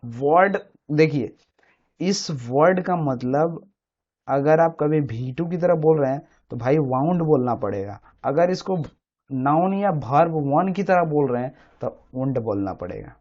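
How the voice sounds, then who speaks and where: A man's voice: a little high, animated, a little slow, a little mellow. A man teaching an English grammar lesson. He explains step by step, repeats key words again and again, and keeps checking that the listener is following. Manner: repeats key words often, asks the listener "samajh rahe hain na?". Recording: dull lo-fi recording.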